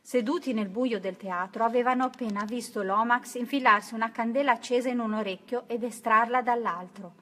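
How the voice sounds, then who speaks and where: Female storybook narrator, slightly high voice, clear and expressive. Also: a little fast, hardly any pauses. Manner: expressive, even-paced storytelling. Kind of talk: children's story read-aloud.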